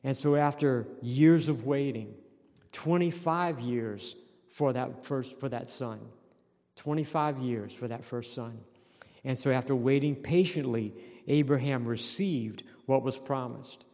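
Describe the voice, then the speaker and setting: A man's voice: mid-range voice, measured pace, mellow, in a large hall. A man preaching a sermon as pastor, earnest and repeating key phrases for emphasis. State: throat tickle, clearing throat.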